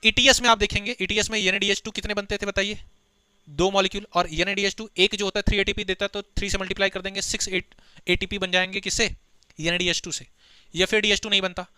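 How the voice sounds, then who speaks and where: A man teaching biology for an exam, explaining step by step, asking students quick questions and mixing in read-out English textbook lines. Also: sits high, flat delivery, bright, forceful tone, smooth, no room sound. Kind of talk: exam-prep lecture.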